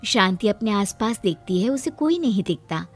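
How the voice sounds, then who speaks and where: A woman's voice: medium pitch, expressive, normal speed. A woman with a mid-range voice tells a cartoon folk tale as its narrator. It is scripted storybook reading, with music playing behind her.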